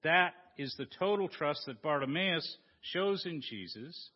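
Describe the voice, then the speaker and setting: Slow, lively preaching man in a church. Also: a little high. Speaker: pastor. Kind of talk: sermon. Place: church sanctuary. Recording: dull recording with long church reverb.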